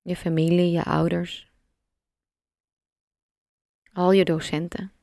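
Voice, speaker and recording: A woman guiding a meditation, speaking slowly and softly with long pauses. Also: fairly low pitch, vocal fry, no room sound, clean studio sound. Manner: slow, soft and calm, with long pauses. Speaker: meditation guide. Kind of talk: guided meditation.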